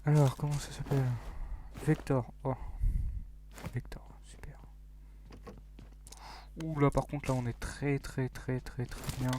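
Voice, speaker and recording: A man's voice: medium pitch, little pitch movement, normal speed, mellow, a little hiss or hum. A young man, commenting on a mobile battle royale game in a joking, self-mocking way, rambling with fillers and sometimes dropping to a near-whisper. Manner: drops to near-whispers in tense moments. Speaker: gaming YouTuber.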